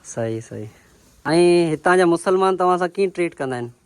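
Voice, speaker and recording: A man's voice: high-pitched, animated, a little fast, clean tone. A man from Sindh, Pakistan, vlogging in village farmland outdoors, asking short questions and repeating each answer back before he turns to the camera. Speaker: village vlogger interviewing workers. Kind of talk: casual interview and talk to camera.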